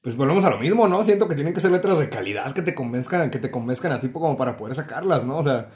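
A man's voice: medium pitch, expressive, fast talker, a little mellow. A man with a Mexican accent, interviewing guests and checking with them as he rephrases his questions. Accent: Mexican Spanish. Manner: curious, rephrases questions, ends with "¿no?".

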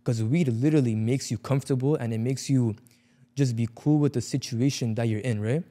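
Speaking a little fast in a mellow, medium-pitched voice, a young man from urban Toronto keeps the conversation casual. He leans on heavy slang and says things more than once to drive them home.

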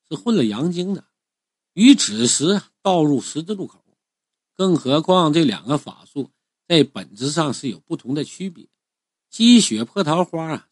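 Man, storyteller, first-person narration, slightly high voice, dry close mic. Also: slightly rough, no echo. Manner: animated, conversational, drawn-out phrase endings.

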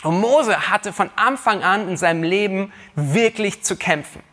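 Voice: medium pitch, a little slow, pushed and bright. A preacher delivering a sermon who retells a scripture story in everyday words and speaks straight to the listeners. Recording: long hall reverb.

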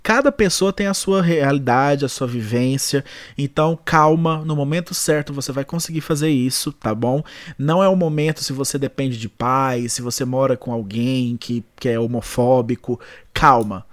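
A man's voice: mid-range voice, moderate pace, dry recording. A Brazilian man hosting a podcast in a casual, campy, effusive and theatrical way. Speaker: podcast host. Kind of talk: casual chat.

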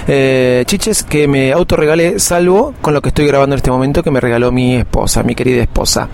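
A man's voice: mid-range voice, fairly quick, vocal fry, darkish tone, a little hiss or hum. A middle-aged man with an Argentine accent hosting a podcast in a casual, rambling monologue full of anecdote. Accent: Argentine Spanish. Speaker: podcast host.

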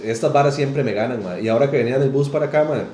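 A man's voice: medium pitch, very fast, reverberant, a crowd in the background. A Costa Rican man with a Costa Rican accent, chatting casually as a podcast co-host and telling slangy stories. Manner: slangy, storytelling, laughs often. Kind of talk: casual chat.

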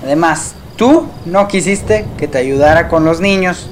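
Hombre haciendo esqueleto padre mexicano quejumbroso. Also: male voice, a little high, a little slow, slight background noise, close to an everyday voice. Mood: soothing. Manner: exasperated, soothing, groaning. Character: fussy skeleton family father, ghost.

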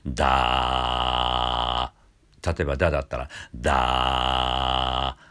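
An older Japanese man teaching a singing lesson, explaining calmly with many fillers and small restarts. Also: extremely low pitch, rapid-fire. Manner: explains calmly, breaking off to demonstrate sounds. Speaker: voice trainer. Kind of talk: vocal lesson with demonstrations.

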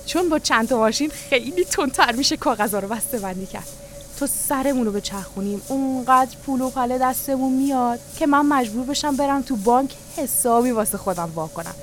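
A woman's voice: sits high, lively intonation. A woman reading an audiobook, voicing a boastful, scheming country father who talks in an eager, coaxing salesman manner. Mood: excited scheming.

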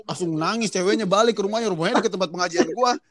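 High-voiced young man, swears nonstop. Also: racing, background noise. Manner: swears constantly, lively and self-mocking while telling an embarrassing childhood story. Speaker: storyteller in a casual chat. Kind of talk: casual chat.

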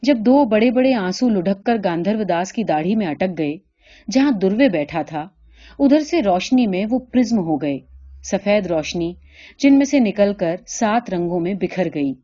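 Calm woman reading a literary story. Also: medium pitch, highs cut off. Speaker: narrator.

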